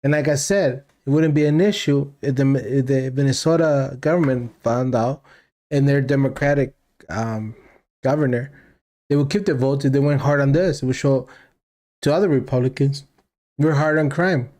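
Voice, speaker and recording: A man's voice: mid-range voice, normal speed, a little mellow. A man hosting a livestream, reacting to news clips with blunt, repetitive, casual commentary.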